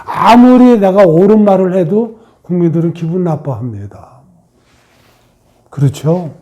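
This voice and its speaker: Mellow-voiced man teaching meditation. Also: high-pitched, measured pace. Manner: asks questions and answers them himself. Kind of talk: meditation lecture.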